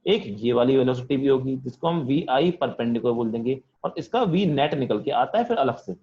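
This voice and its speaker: A man's voice: medium pitch, animated, brisk, dull audio. A man teaching physics in an online class, asking questions and answering them in a student's voice, calling on students by name. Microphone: video call.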